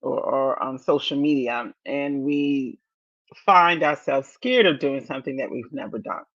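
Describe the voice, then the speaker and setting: A woman in her fifties hosting a motivational podcast, speaking deliberately and repeating key phrases to encourage listeners. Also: rumbling low, highs cut off. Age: 50s. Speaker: podcast host.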